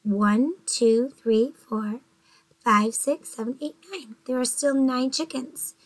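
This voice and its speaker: A woman in her forties, her voice fairly high, gently and encouragingly teaches small children a math lesson, asking questions to check in with them. She takes it slowly. The low-quality recording comes from a laptop webcam in her bedroom at home.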